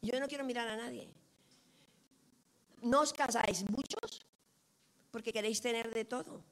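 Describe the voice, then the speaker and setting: A middle-aged woman preaching a sermon. She tells stories with lively quoted dialogue. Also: a little high, moderate pace.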